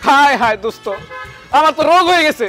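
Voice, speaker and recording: A loud, flustered young husband. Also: male voice, extremely high pitch, lively intonation, fast, over music. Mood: worried. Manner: talks very loudly with big hand gestures. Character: young husband of a deaf wife, loud and frantic. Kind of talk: comic drama acting.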